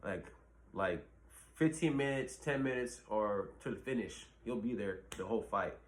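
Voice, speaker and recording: A man's voice: lowish voice, normal speed, slight background noise. A man hosting his own channel, giving blunt, profane fight predictions in a rambling casual talk full of fillers. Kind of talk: casual solo commentary.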